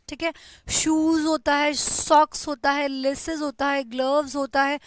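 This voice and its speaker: A woman's voice: high-pitched, fairly bright tone, dry recording. A young woman teaching English grammar in Hindi, explaining patiently and repeating each word for her students. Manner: explains patiently, repeats words, drills spellings. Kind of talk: Hindi-language grammar lesson.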